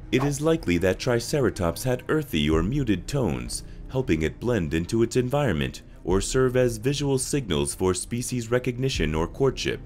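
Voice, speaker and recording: A man reading scripted documentary narration with a dramatic, measured delivery. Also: lowish voice, darkish tone.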